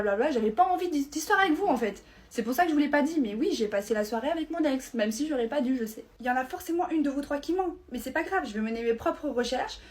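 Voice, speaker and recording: A young woman performing comedy skits as bickering teenage girls, sassy and full of slang. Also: on the high side. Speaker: comedy sketch creator. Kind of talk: acted comedy skits playing teen girls.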